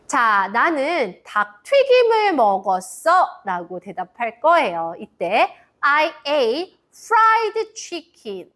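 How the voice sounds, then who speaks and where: A woman teaching children English, modelling phrases slowly in a sing-song way. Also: high-pitched, wildly swooping pitch, a bit bright.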